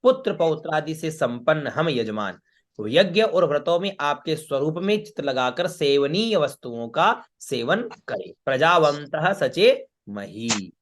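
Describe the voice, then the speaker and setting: A man teaching a Vedic chanting class online, chanting verses slowly and then patiently explaining each syllable's pitch, with frequent check-ins. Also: very animated. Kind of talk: online class, recitation lesson.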